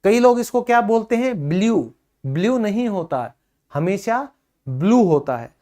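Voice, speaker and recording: A man's voice: high-pitched, big pitch swings, measured pace, dark tone. A man teaching an English pronunciation lesson, repeating words emphatically to drill them.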